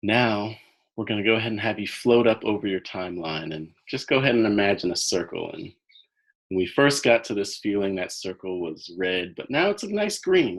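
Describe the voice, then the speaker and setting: A man coaching listeners through a guided visualization, speaking slowly and soothingly, with soft trailing phrase ends. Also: lowish voice, lo-fi sound.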